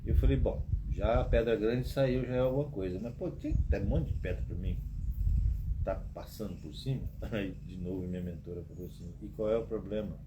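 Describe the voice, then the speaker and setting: A man's voice: on the low side, fairly even intonation, brisk. A man hosting a live stream, telling rambling anecdotes and acting out the dialogue, with frequent tag questions. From Brazil. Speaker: host. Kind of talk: casual live-stream storytelling. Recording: muffled live-stream audio with background noise.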